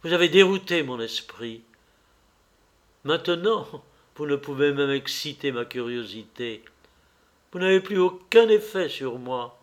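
A man's voice: fairly high pitch, expressive, a little slow, pauses often. A man voicing a cold, scornful young man who bitterly rejects the woman he loved, in a read-aloud novel. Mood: scornful fury. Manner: loud, cutting, contemptuous outbursts.

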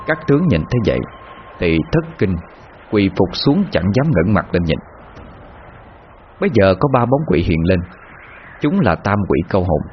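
Lively low-voiced man telling a tale. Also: a little hiss or hum. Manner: measured, dramatic. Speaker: storyteller. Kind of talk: dramatic folk tale narration. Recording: muffled, with long reverb.

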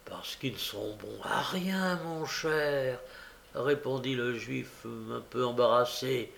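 A male audiobook reader voicing a cunning, wheedling old man who stammers and fawns, sometimes dropping to a hush. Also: a little high, big pitch swings, unhurried, creaky, voice pushed up, heavily acted. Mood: evasive. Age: older. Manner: stammering, fawning, sometimes hushed. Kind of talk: audiobook character reading.

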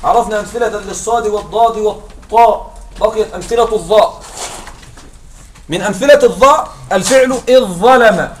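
High-voiced man teaching Arabic grammar. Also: fairly quick, a little hiss or hum. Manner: keeps checking that students follow, asks and answers his own questions. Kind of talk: classroom grammar lesson.

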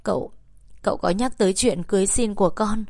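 A woman's voice: medium pitch, vocal fry, a little mellow, dry recording, studio quality. A woman voicing a weeping, anxious older village mother who stammers and repeats herself. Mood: tearful pleading. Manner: sobbing, halting, repeats words. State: crying.

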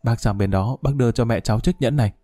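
A remorseful prisoner begs for mercy with a stammering, pleading voice, as a man narrator puts him on. The tone is mellow and the sound dry and close. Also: mid-range voice, quick pace, dry recording, natural voice. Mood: earnest.

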